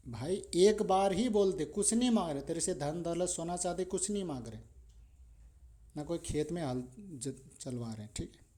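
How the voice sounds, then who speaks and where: A man's voice: fairly high pitch, animated, moderate pace, dark tone, close to an everyday voice. A man voicing a burly, stern old guru. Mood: coaxing. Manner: coaxing then commanding. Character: stern burly older male guru, forceful.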